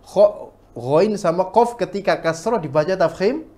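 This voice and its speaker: Man, fairly high voice, recitation teacher, slow drawn-out demonstrations, firm corrections. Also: lively intonation, mellow. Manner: demonstrates sounds slowly, then corrects firmly. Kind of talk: classroom recitation lesson.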